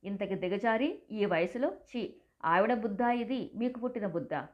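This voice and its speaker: A grown son boils over with rage, his speech loud, harsh and full of scorn, as a woman storyteller puts him on. The sound is a touch dull and lo-fi. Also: mid-range voice, lively intonation, normal speed, lightly acted. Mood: furious, scornful. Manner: shouting, accusing.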